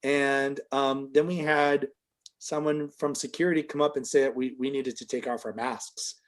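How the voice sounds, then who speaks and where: A man's voice: mid-range voice, little pitch movement, moderate pace. A middle-aged man telling a long, casual story as an interview guest, full of fillers, and livelier when he quotes other people.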